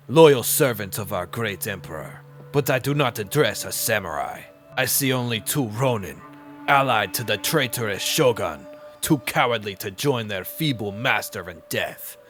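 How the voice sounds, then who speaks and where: A man's voice: lowish voice, fairly bright tone. A man putting on a haughty enemy samurai with an odd accent. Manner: theatrical put-on accent, haughty and taunting. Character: arrogant hostile samurai clan leader, adult man, scornful. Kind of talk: reading game dialogue aloud.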